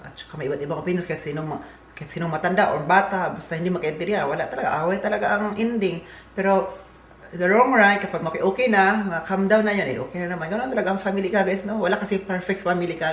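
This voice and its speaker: A man's voice: sits high, fairly bright tone. Chatty Filipino man in an echoey room. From Philippines. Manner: chatty and jokey, rambling asides. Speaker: vlogger. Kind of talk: casual vlog chat. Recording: echoey room, faint background hiss.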